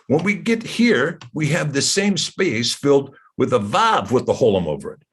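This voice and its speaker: A man teaching scripture in a casual, animated way, firing off rhetorical questions and jokey asides to himself. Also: mid-range voice, moderate pace. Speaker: Bible teacher.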